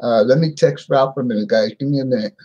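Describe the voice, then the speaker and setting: Toothless man, halting live-stream talk. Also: medium pitch, mellow, breathy edge, lo-fi sound. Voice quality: toothless, slightly slurred speech without dentures. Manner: halting, plain-spoken, repeating himself. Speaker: livestream host. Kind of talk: casual live stream chat.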